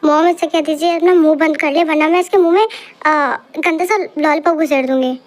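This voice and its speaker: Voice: high-pitched, fairly even intonation, a little fast, lightly acted. A performer voicing a bossy teenage girl in an amateur fan dub, squabbling and stammering with fillers. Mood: complaining. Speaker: sister.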